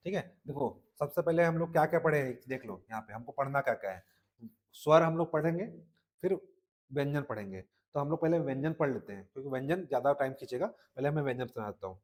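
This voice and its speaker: Speaking fast and expressively in a slightly high voice, a man with a Chhattisgarhi accent teaches Hindi in a classroom lecture for exam preparation. He often says "ठीक है" and quizzes his listeners.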